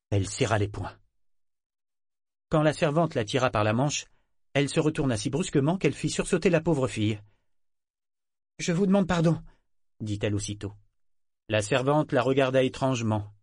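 A man narrating an audiobook in a measured, expressive reading. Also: mid-range voice, slightly rough, no room sound, clean studio sound. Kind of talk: scripted narration.

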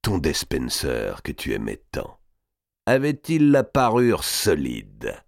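Cast a man as a slow, mocking jailer with a low, cold delivery. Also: steady tone, darkish tone, close to an everyday voice. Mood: taunting. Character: cold, taunting male jailer.

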